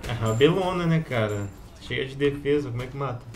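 A man's voice: medium pitch, expressive, a little fast, a little hiss or hum. A young adult Brazilian man chatting casually over gameplay, teasing and slangy. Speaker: game streamer.

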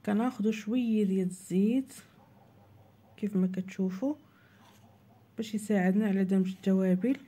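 A woman with a Moroccan Arabic accent talks viewers through a home recipe in a cooking voice-over. Her voice is very dark and mellow, middle in pitch, and her delivery is plain and instructive. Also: a little fast, pauses often, breathy edge. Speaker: cooking channel host.

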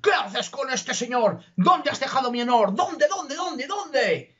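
A man voicing a furious old nobleman who roars at his daughter in high-pitched rage, in a dull, muffled recording. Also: sing-song, normal speed, bright, forceful tone, breathy edge, exaggerated voice. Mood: roaring fury.

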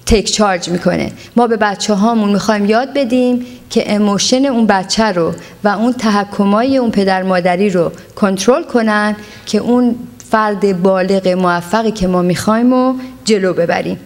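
A woman's voice: mid-range voice, a little mellow. A woman speaking at a parenting seminar, giving earnest advice and slipping English words into her talk. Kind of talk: seminar lecture. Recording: long hall reverb.

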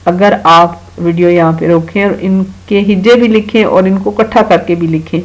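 A woman from Pakistan giving a slow, patient online grammar lesson to children, talking to them directly and reciting verses now and then. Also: lowish voice, steady tone, poor audio. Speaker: teacher.

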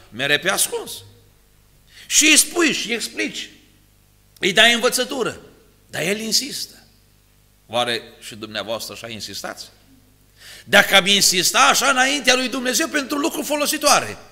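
A man preaching in a church sanctuary, his high voice carrying a long reverb. He drops to a hushed tone for scripture and rises to bright, forceful emphasis when he turns to the congregation with rhetorical questions. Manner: shifts between soft, hushed scripture reading and louder, emphatic exhortation. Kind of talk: sermon.

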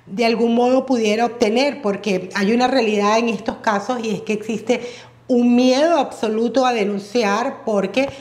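A woman hosting a conversational interview, asking measured questions with occasional hesitation fillers. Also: a little high, fairly even intonation, a little mellow. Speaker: interview host. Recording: roomy sound with faint music.

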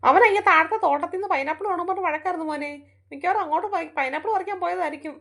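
Gentle cartoon grandma, very high voice, very quick, giving advice. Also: female voice, gravelly, heavily acted. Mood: worried. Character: grandmother of the family, gentle and wise. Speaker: cartoon character.

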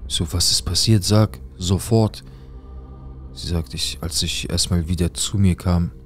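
A man's voice: low-pitched, steady tone, measured pace, soft background music. A man telling his own story in an intense, emotional way, acting out the dialogue as he goes. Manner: retells events with quoted dialogue, intense and heated. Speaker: guest recounting a personal experience. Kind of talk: emotional first-person account.

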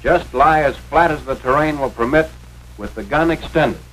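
The voice here is a little high and a bit bright, moving at a normal speed: an American man narrating a scripted 1940s instructional film. He explains things step by step in an authoritative, carefully enunciated way, recorded on a noisy, radio-like film soundtrack of the era.

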